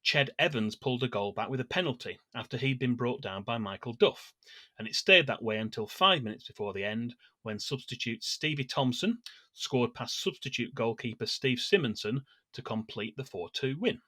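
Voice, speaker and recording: A man co-hosting a football fan podcast, calmly reading prepared notes on past matches with small hesitations and fillers. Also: medium pitch, dry recording, studio quality. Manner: measured, steady delivery of scripted match history with small hesitations. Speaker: podcast co-host.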